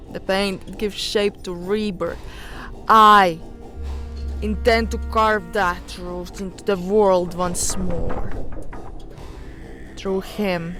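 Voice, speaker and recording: A woman voices a fervent, proud noblewoman of high birth for a fantasy audio drama, speaking in a deliberate, theatrical, solemn manner.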